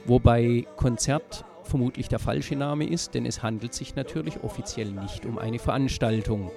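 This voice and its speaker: A man presenting a local culture podcast in a friendly, measured way, then interviewing people on the street. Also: medium pitch, creaky, over music. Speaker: podcast reporter.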